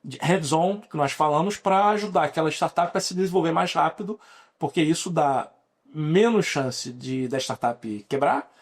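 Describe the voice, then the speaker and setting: Speaking at normal speed, this Brazilian lawyer in his forties has a slightly high, slightly rough voice and a Brazilian Portuguese accent. As a podcast interview guest, he explains at length and keeps restarting his sentences.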